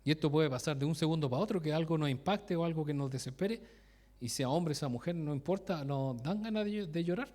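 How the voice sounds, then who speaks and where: Male preacher, slightly high voice, casual sermon delivery full of restarts and questions to the congregation. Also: brisk, darkish tone. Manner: informal, self-interrupting, laughs at his own stories; asks the congregation direct questions. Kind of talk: conversational sermon with personal stories.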